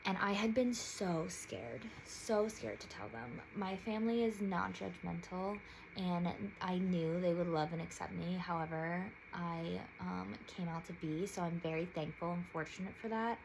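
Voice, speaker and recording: Chatty young woman, low voice, faint hum. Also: unhurried, gravelly. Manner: chatty, filler-heavy, emotional, many "like"s; raises voice high when quoting others. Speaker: vlogger. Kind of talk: personal storytelling vlog.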